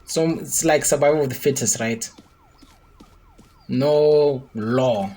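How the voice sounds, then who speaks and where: A man's voice: mid-range voice, slow, mellow. A man giving casual, rambling commentary as he reacts to a video game trailer. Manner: chatty, rambling, speculative. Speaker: gaming YouTuber reacting to a trailer.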